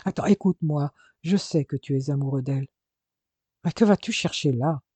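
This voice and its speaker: A man's voice: fairly high pitch, normal speed, dark tone, slightly rough, no echo. A man voicing an anxious, distraught young man pleading with his twin brother, in an audiobook. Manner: agitated, imploring.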